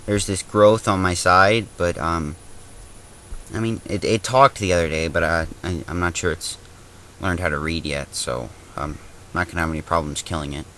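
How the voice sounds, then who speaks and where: A man playing an awkward, deadpan zombie apocalypse survivor, rambling hesitantly in a fictional video diary. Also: low voice, moderate pace, slight background noise. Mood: deadpan, uneasy. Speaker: video diarist. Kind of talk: fictional confessional vlog monologue.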